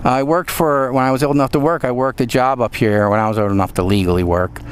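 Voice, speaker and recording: Man, 50s, US East Coast, casual nostalgic storyteller, medium pitch, mic inside a motorcycle helmet with clear engine and road noise. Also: fairly even intonation. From United States, East Coast. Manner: rambling, nostalgic storyteller with dramatic pauses. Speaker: motovlogger. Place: outdoors, riding a motorcycle.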